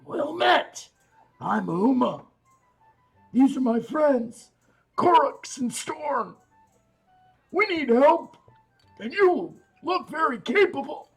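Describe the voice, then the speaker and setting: A game master voicing a raspy, earnest dwarf traveller who speaks formally and pleads for help in a tabletop game. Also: sits high, big pitch swings, slow, long pauses, soft background music, voice pushed up, exaggerated voice. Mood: hearty pleading.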